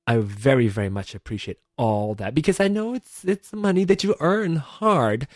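A Malaysian man in his thirties hosts a casual solo podcast from his home computer, rambling and giggling with plenty of fillers. His mid-range voice is expressive and moderately paced, with studio-quality sound and no room noise.

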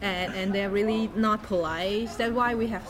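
A woman's voice: medium pitch, steady tone, normal speed, crowd noise. A woman from Hong Kong, a guest in a casual podcast chat, blunt and playful. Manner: blunt, playful, laughs often.

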